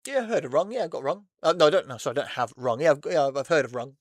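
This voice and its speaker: A man's voice: fairly high pitch, sing-song, very fast, dry recording, clean studio sound. A man hosting a casual chat, rambling and laughing often between thoughts. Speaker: host.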